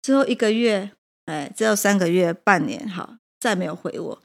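A woman's voice: mid-range voice, moderate pace, vocal fry. A woman, a prison teacher and café owner, telling a personal story with emotion and hesitant restarts.

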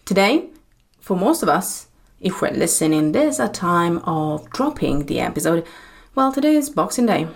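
A woman's voice: on the low side, big pitch swings, normal speed, vocal fry. Woman, podcast host, enthusiastic and chatty. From Italy. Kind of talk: upbeat podcast introduction.

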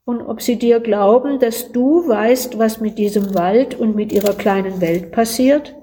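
A woman reading the lines of a calm, worldly old lord in a Christmas story, measured and gently urging. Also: fairly high pitch, a little hiss or hum, natural voice.

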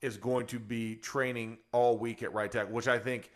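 A man's voice: medium pitch, level tone, normal speed. A man who is a former offensive lineman, co-hosting a sports radio show in a rambling, chuckling way. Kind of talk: casual sports talk.

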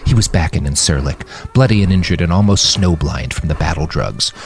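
Faint music plays behind a man with a low, gravelly, expressive voice who reads his own scripted fiction briskly. He narrates dramatically for his fiction podcast, performing the characters' dialogue like an audiobook reader.

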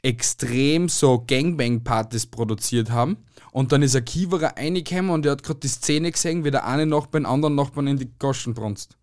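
A man's voice: medium pitch, a little fast, darkish tone. A man, co-hosting a casual comedy podcast, joking and laughing often in colloquial dialect. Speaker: podcast co-host.

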